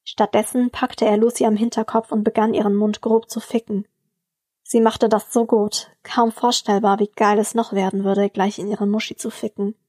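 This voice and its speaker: Eine Frau liest als Erzählerin eines Podcasts eine erotische Geschichte vor, gleichmäßig und gemessen. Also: female voice, mid-range voice, little pitch movement, normal speed, darkish tone, no room sound. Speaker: storyteller. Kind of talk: scripted erotic story narration.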